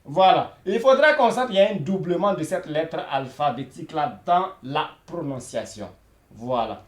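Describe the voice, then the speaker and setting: Slow, sing-song man teaching Arabic. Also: a little high, animated, roomy sound. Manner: repeats words slowly, many "voilà" fillers. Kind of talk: beginner language lesson.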